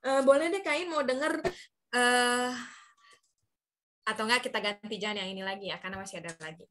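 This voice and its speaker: A woman's voice: fairly high pitch, fairly quick, background noise. A woman who works as a voice actor, cheerfully teaching an online class for children over a video call.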